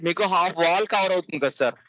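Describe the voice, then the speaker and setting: A man on a phone video call, giving short, repeated instructions on where to place the camera and whether the voice is clear. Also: sits high, very fast, fairly bright tone, slight background noise. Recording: dull lo-fi call audio.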